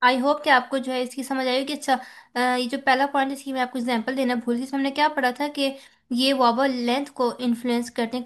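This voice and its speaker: A woman teacher explaining slides in a lecture, dropping English terms into her talk and posing questions that she answers herself. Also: sits high. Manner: repeats "theek hai" as a check-in.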